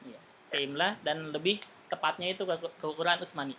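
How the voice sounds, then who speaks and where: A man teaching an Arabic class, patiently explaining and repeating words slowly for his students. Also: on the high side, fairly even intonation, background noise.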